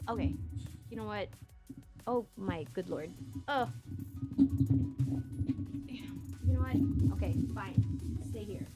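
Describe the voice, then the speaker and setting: A woman's voice: slow pace, pauses often, music in the background. A young woman from the Philippines, a streamer telling a travel story in casual chat, acting out the people she quotes. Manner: animated, acts out quoted voices with high squeals.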